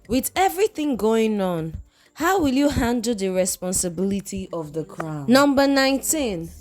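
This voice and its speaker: A woman presenting scripted instructional tips as a narrator, in a deliberate, clearly enunciated manner. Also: mid-range voice, mellow. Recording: music playing behind the voice. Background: background music.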